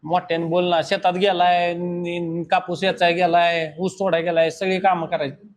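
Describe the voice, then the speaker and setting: In a classroom lecture that doubles as a pep talk, a man with a high voice and level tone talks at a moderate pace. He scolds bluntly, speaking straight at his students.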